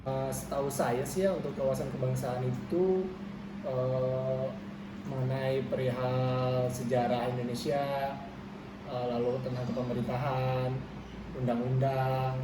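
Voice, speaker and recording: A man's voice: medium pitch, flat delivery, measured pace. A man in his twenties, an office worker, answering interview questions hesitantly with fillers. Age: 20s. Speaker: private company employee. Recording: echoey, distant mic, loud background noise.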